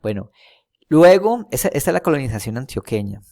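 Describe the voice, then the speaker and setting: A man's voice: mid-range voice, very animated, fairly quick, mellow. A Colombian man teaching a casual history lesson, rambling with many fillers and restarts, often checking in with his students. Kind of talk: casual classroom lecture over a map.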